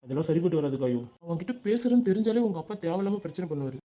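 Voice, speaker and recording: A man's voice: a little high, animated, very fast, warm tone, soft background music. A man voicing a troubled young male college student in a cartoon, earnest and weary. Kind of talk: cartoon voice acting.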